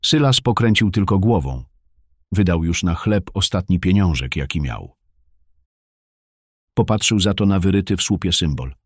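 A man narrating an audiobook in a calm, measured storytelling manner. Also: sits low, breathy edge, no room sound, clean studio sound. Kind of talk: scripted narration.

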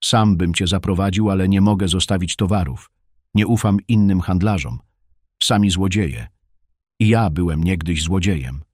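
A man performs the role of a warm, chatty male fruit seller at a market, sometimes whispering. He speaks at a moderate pace, and the studio-quality recording is dry.

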